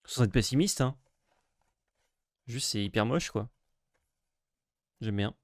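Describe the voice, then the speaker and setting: A man streaming a card pack opening in casual commentary, sarcastic and self-mocking with crude jokes, now and then breaking into sudden excited yelps. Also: medium pitch, takes it slowly, dry recording, clean studio sound.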